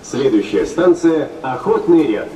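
A man giving calm, formal metro announcements, played over a train loudspeaker. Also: medium pitch, a little slow, recorded from a distance. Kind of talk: recorded transit announcements. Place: moving metro train car. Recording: echoey loudspeaker inside a noisy train car.

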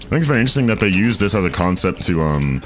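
A man streaming a game, chatting casually, reading chat aloud and thinking out loud. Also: low voice, very animated, very fast, faint music behind. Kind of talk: casual gameplay commentary.

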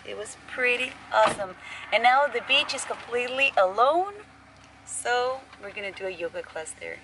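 A woman's voice: on the high side, expressive, moderate pace, very noisy. A young woman talking to her camera in a casual travel vlog, cheerful and laughing often, in simple non-native phrasing, filmed outdoors and in a van. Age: young adult. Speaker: travel vlogger. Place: outdoors on a beach and coast, and inside a van. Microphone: handheld camera at arm's length. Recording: music playing over the voice.

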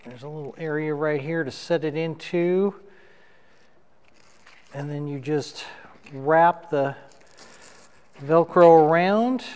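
A middle-aged man demonstrating how to assemble lighting gear at a table in a dark studio, talking as he works. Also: a little high, clean tone, in a large hall. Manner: unhurried, talks while assembling gear. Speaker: photographer reviewing gear. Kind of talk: hands-on gear demo. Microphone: wireless lapel mic.

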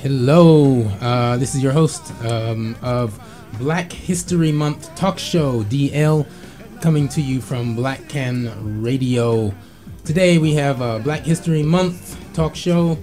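A man hosting a casual radio talk show from a small studio, relaxed and halting, with many fillers. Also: medium pitch. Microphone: studio mic with headphones. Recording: music playing in the background.

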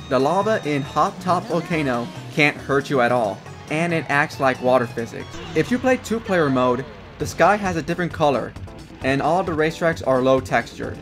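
A young man narrating a gaming trivia video in a casual, wry way, with sarcastic asides. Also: fairly high pitch.

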